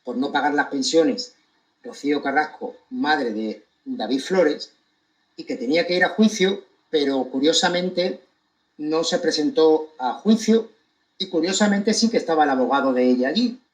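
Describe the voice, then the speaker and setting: A commentator with a slightly high voice and an accent from Spain gives his account of a court case in a monologue to his audience. He speaks deliberately and emphatically, setting key phrases apart with pointed pauses. The recording quality is low.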